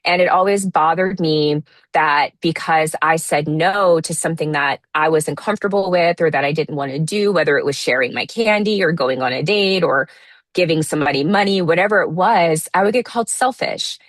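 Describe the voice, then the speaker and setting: A woman in her thirties talking in a relaxed, reflective way as an interview guest, often restarting her sentences. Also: low-pitched, normal speed, dry recording. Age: 30s. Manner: reflective, many restarts and fillers. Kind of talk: casual interview talk.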